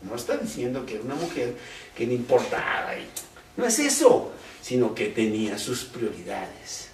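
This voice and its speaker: Animated preacher with a lively voice. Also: male voice, medium pitch, normal speed, a little hiss or hum. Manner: conversational, animated preaching with acted quotes and rhetorical questions. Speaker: pastor. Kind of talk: sermon. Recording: roomy, distant mic.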